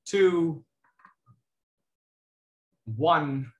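A man's voice: a little high, lively intonation, drawn-out words. A man with a South Indian accent teaching an informal online class as a maths teacher, conversational and joking with his students. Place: indoor room, online video class. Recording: roomy, echoey online class audio.

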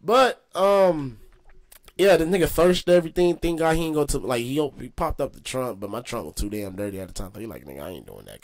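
A young man casually telling a story, slangy and animated, with lots of swearing. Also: mid-range voice. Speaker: host.

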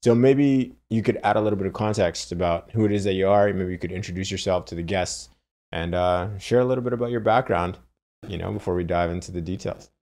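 A young adult man hosting an interview at a guest's home, upbeat and playful, trading quick banter. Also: sits low, a little mellow. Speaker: podcast host. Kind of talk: casual interview. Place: home living room. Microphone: studio mic on boom arm.

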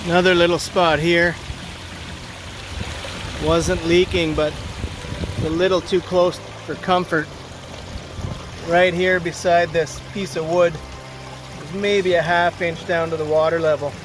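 A man's voice: fairly high pitch, flat delivery, measured pace, pauses often, noisy background. A man giving a plain, practical walkthrough outdoors by a backyard stream, thinking aloud while filming on a handheld phone. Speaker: water feature installer. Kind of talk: walkthrough narration while inspecting. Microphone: handheld phone camera.

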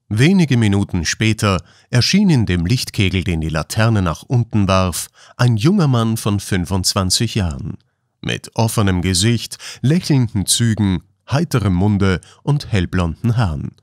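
A male audiobook narrator with a mid-pitched voice and lively melody. He tells the story expressively in clean, dry, close studio sound. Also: no room sound. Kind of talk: scripted narration.

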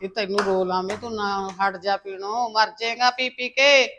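A woman's voice: medium pitch, fairly even intonation, moderate pace, background noise, natural voice. A woman with a Punjabi accent playing a fed-up wife and mother who scolds her drinking husband. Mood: scolding. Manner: scolding, nagging, bitter.

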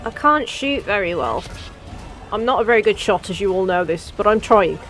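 A woman giving jokey, excitable let's play commentary, talking back to the game characters. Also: medium pitch, moderate pace, soft background music. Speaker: gaming channel host.

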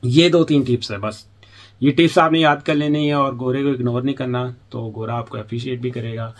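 A man's voice: medium pitch, steady tone, a little fast. A man from Pakistan, an international student in the UK, giving chatty advice in a casual vlog and acting out little exchanges as he talks. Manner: chatty, acts out quoted exchanges.

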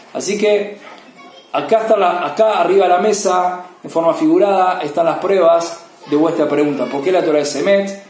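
A man who teaches Torah, telling a story in a lesson, halting with many restarts and fillers. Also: on the high side, darkish tone, reverberant, slight background noise.

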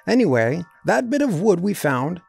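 A man's voice: high voice, very animated, normal speed, gravelly, darkish tone, husky, soft background music, pitched above the performer's own voice, heavily acted. A man doing a grumbling old grandpa rabbit. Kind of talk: storybook reading.

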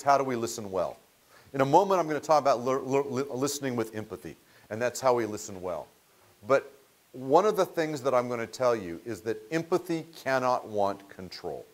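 A middle-aged man giving a seminar lecture to a small audience, telling stories in a conversational way and often restarting words mid-sentence. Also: mid-range voice. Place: meeting room with audience.

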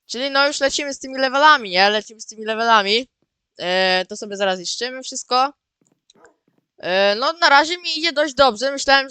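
Man, gameplay commentary, excitable, repeats himself a lot, crisp bright voice, dry sound. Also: extremely high pitch, no room sound. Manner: excitable, repeats words, often calls out to viewers. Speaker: gaming video host.

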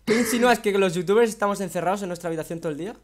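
Young adult male gamer, high pitch, hyper and loud, teasing rivals. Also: very fast, crowd noise. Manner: excitable, yelling and taunting other players. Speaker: gaming YouTuber. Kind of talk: gameplay commentary with a friend.

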